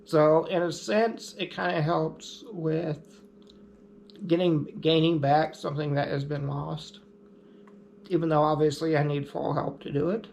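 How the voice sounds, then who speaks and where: A man's voice: fairly high pitch, steady tone, a little slow, gravelly, a little mellow, a little hiss or hum. A man talking through a casual explanatory vlog in an easygoing, plainspoken way with light humor. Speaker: vlogger.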